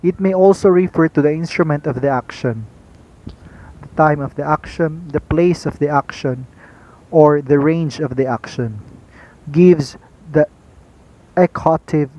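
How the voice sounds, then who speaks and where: A young man, a student reporter, reading a class lecture aloud in a careful, deliberate way. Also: on the high side, mellow, poor audio.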